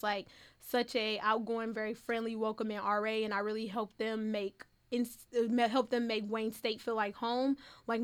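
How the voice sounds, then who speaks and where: A young woman telling her college story in a casual interview, animated and full of fillers like "like" and "um". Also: on the high side, clear, resonant tone. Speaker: interviewee, first-generation college graduate.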